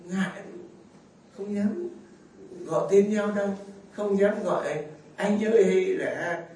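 Older male priest, high voice, folksy homily, heard from a distance in a very echoey church. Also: takes it slowly, a little mellow. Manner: folksy storytelling, fond asides and chuckles. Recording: very echoey hall, mic far off, faint noise.

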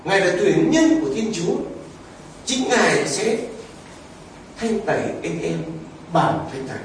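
Animated priest preaching in an echoey church. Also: male voice, high-pitched, a little slow. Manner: animated storytelling, rhetorical questions. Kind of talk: sermon. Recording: echoey church, distant mic, faint noise.

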